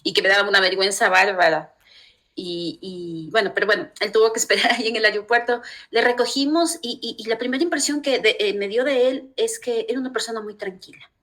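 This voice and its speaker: A woman's voice: medium pitch, brisk. Chatty Ecuadorian mother telling stories. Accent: Ecuadorian Spanish. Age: middle-aged. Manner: warm storytelling with many restarts. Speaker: interview guest, mother. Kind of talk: casual interview talk.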